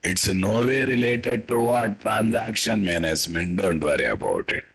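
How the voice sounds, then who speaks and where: A man with a Telugu-influenced Indian accent and a husky voice, teaching a live coding lesson as an instructor, repeating his statements and quizzing listeners with tag questions. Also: lowish voice, animated, moderate pace. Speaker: programming instructor.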